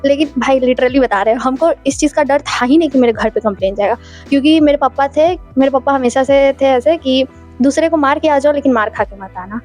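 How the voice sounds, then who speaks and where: A young woman telling a story in a chatty, animated vlog style. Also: high-pitched, a little fast, faint music behind. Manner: animated, chatty, acts out quoted lines. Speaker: vlogger.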